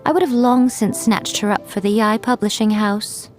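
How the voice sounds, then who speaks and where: A woman voicing a sly, elegant fox-spirit shrine maiden in a video game, speaking in deliberate phrases with a coy, haughty, playfully condescending manner. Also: mid-range voice, fairly even intonation, close to an everyday voice. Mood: fond, scheming. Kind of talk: scripted video game character voice-over. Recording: music behind the voice. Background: background music.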